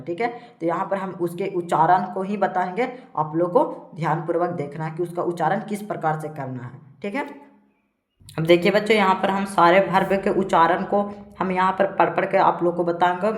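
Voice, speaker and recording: A woman teacher with a Bihari Hindi accent, giving a classroom lesson and reading word lists aloud slowly. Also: on the low side, roomy sound. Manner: reads word lists aloud slowly, adds frequent "theek hai".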